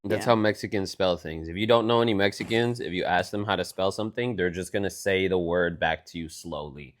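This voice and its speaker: A young Texan co-hosting a podcast chats casually in a low-pitched voice at a brisk pace. He retells conversations and swears freely as he goes.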